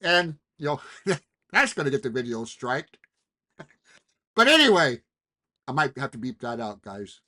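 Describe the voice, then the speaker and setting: A man's voice: mid-range voice, very animated, moderate pace, long pauses, bright, forceful tone. A man hosting his own video, talking in a casual, rambling, digressive way that is full of "you know" and restarted phrases. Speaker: channel host. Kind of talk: casual talking-head vlog.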